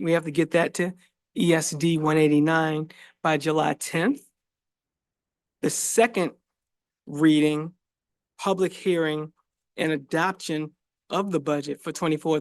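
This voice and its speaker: A man, a school superintendent, giving a brisk, businesslike budget report with deadlines. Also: on the high side, dry recording. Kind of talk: formal report.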